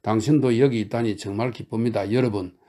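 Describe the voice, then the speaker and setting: A man's voice: on the low side, fairly even intonation, brisk, dark tone, lightly acted. A man doing an overwrought, declaiming young man. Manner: exclamatory, declaiming, breathless. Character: reckless, overwrought young man making wild speeches. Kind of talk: audiobook character reading.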